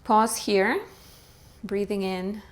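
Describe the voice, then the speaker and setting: A young woman teaching a beginner yoga class, calmly cueing each breath and pose and encouraging the students between rounds. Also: mid-range voice. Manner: slow, calm cueing of breath and poses. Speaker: yoga instructor. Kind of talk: guided yoga class instruction.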